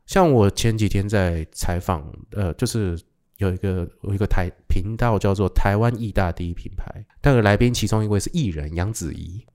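A man, an actor, telling rambling, animated stories in a casual podcast chat. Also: on the low side, normal speed. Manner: rambling, animated storytelling with fillers.

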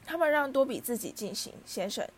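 A shrill, high little male house-elf, servile and easily brought to tears, as a woman reading the story puts him on. He squeaks out humble replies at a high pitch and keeps addressing his listener as sir. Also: animated, brisk, husky. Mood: anxious.

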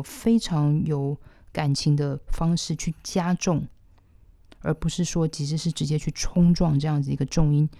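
Taiwanese mandarin lady pianist host, deep mellow tone, lots of vocal fry, dry close sound. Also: no room sound. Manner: measured, thoughtful, slows down to stress points. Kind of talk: reflective music commentary.

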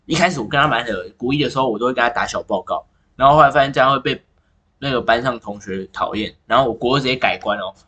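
A man's voice: medium pitch, fast talker, pushed and bright, breathy edge. A young man hosting a casual chat, blunt and swearing freely. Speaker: host.

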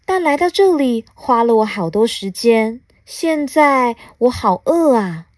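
A woman voicing a small, hungry and excitable gray alien boy in a children's storybook reading, with high squealing exclamations. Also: measured pace, no echo, studio quality.

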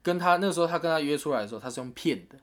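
A man's voice: on the high side, racing. A man, telling a story in a casual chat and acting out what people said. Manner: animated retelling with quoted voices and laughs.

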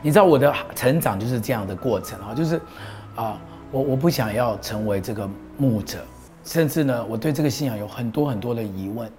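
A man's voice: mid-range voice, animated, brisk, a little mellow, faint music behind. A middle-aged man, a pastor giving an earnest, proclaiming talk that he mixes with personal stories. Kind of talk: preaching talk on a show.

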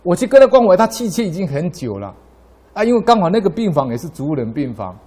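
A man's voice: high voice, very animated, fast, dark tone. A middle-aged man from Taiwan, giving a Buddhist dharma talk full of anecdotes. His voice rises sharply when he tells a story. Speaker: lay Buddhist speaker.

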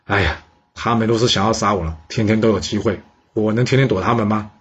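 A man's voice: fairly low pitch, fairly even intonation, fast talker, breathy edge, lo-fi sound. Resigned doomed old king, as a man puts him on.

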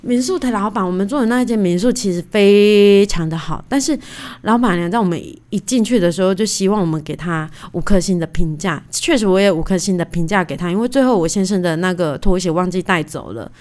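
A woman's voice: lowish voice, a little fast. Chatty woman podcast host telling stories. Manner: chatty, animated, indignant retelling; many fillers like "you know". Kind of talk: casual solo storytelling.

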